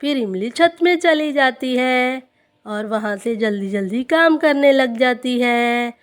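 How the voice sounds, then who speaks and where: A woman's voice: sits high, expressive, slow pace, clean tone. A woman voicing a cheerful, hardworking young village girl doll who explains things patiently. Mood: busy. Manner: busy, reassuring.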